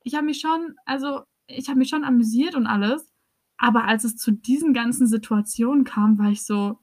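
A young woman in casual chat with a voice a little higher than usual. She teases her friend and makes playful, dramatic complaints. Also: normal speed, a little mellow.

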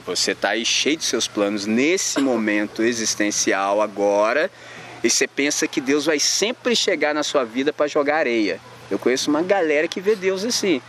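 Slangy, animated Brazilian youth preacher man. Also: mid-range voice, slight background noise. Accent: Brazilian Portuguese. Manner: slangy, animated, acts out little scenes. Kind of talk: informal sermon to young people.

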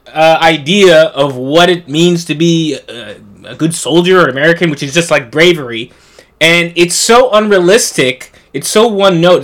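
A man co-hosting a casual movie-review chat, animated and sarcastic, often laughing and stumbling over his words. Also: on the high side. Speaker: podcast co-host.

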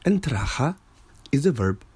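A man teaching a language lesson, patiently repeating each word slowly and stressing its syllables. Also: medium pitch, very animated, darkish tone, slightly rough. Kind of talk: slow spoken language lesson.

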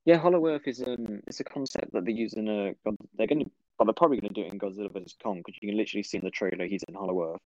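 A young man hosting a casual podcast chat, animated, jumping between topics and mocking other people's voices. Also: on the low side, rapid-fire, hardly any pauses, dry recording, lo-fi sound. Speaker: podcast host.

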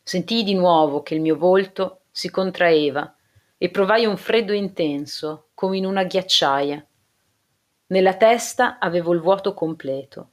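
A woman narrating a novel aloud in a steady, measured reading. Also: lowish voice. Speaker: audiobook narrator. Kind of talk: literary audiobook narration.

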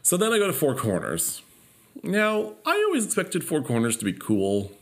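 A man from California telling a road trip story in casual, profane, animated chat. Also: on the high side, moderate pace.

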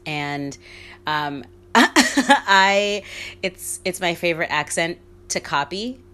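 A woman's voice: lowish voice, lively intonation, slow, sharp tone. Laughing, swearing podcast host woman. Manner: rambling, candid, swears freely, laughs often. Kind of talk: casual solo podcast monologue.

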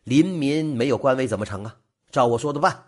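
A man's voice: medium pitch, lively intonation, fairly quick, natural voice. A man voicing a pompous, touchy new male prefect who huffs and snorts. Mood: smug. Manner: huffy, snorting, bossy.

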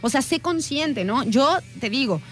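A woman's voice: high voice, animated, measured pace, fairly bright tone, soft background music. A woman with a Mexican accent co-hosting a show, playful and chatty in casual conversation. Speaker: co-host. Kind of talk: casual chat.

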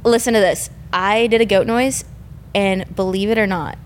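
A woman's voice: medium pitch, fairly even intonation, moderate pace, slight background noise. A young woman guest in a casual podcast chat, giggly and rambling, full of fillers.

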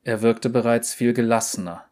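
A man narrating a story in a calm, even audiobook reading. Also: mid-range voice, normal speed.

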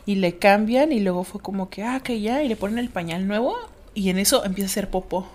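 A young woman in her twenties with a Mexican accent, telling animated, slangy stories in a casual chat. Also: mid-range voice, a little fast. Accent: Mexican Spanish.

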